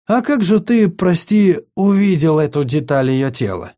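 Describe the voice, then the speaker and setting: A male audiobook reader voicing a calm, patient male healer who asks questions in a gentle, measured way. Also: fairly high pitch, pitched above the performer's own voice. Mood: probing.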